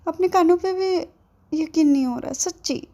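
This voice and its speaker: A stunned young man about to become a father, as a woman storyteller puts him on, rambling and flustered in a high, gravelly voice. His tone stays mellow and dark for all the nerves. It sounds like a spoken storybook retelling. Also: normal speed.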